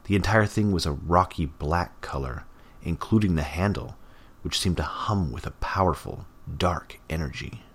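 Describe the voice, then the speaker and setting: A man narrating an audiobook in a measured, even way. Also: sits low, slight background noise.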